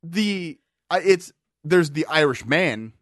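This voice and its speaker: A man's voice: a little high, animated, takes it slowly, dry recording, studio quality. A man co-hosting a podcast, rambling and swearing in casual chat, a bit drunk, with lots of restarts. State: tipsy. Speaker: podcast co-host.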